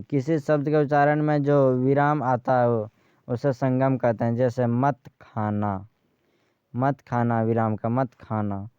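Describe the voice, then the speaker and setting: A man teaching a grammar lesson, speaking slowly and repeating key terms for his students. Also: medium pitch, dark tone, clear, resonant tone, no room sound, lo-fi sound. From Bihar, India.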